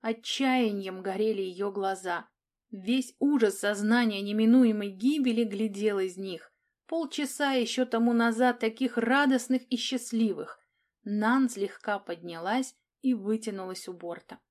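A woman narrating an audiobook in an expressive, dramatic reading style. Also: fairly high pitch, a little slow.

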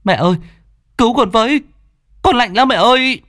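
A man voicing the cold, eerie ghost of a dead young man, speaking in a hollow, drawn-out, whispery way. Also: on the high side, animated, husky, no room sound, clean studio sound, voice pushed up, full character voice. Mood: pleading.

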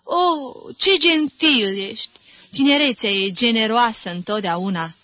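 A woman's voice: medium pitch, lively intonation, sharp tone, no echo. Woman voicing an effusive old society lady. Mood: gushing. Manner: gushing, theatrical, exclamatory.

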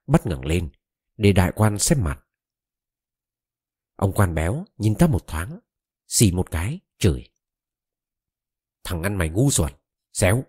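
A man narrating a first-person story in an expressive storyteller's manner. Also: deep voice, slightly rough, no echo, clean studio sound. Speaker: audiobook narrator.

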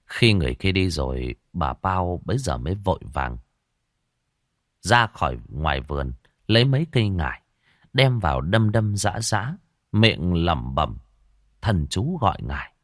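A man narrating a horror story audiobook in a dramatic, expressive way. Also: low-pitched, a little slow, dry recording. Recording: dry close mic with faint music.

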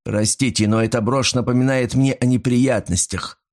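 A man voicing a nervous old male pawnbroker who pleads breathlessly, rising into shrill panic. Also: steady tone, normal speed, a little mellow, lightly acted. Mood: agitated.

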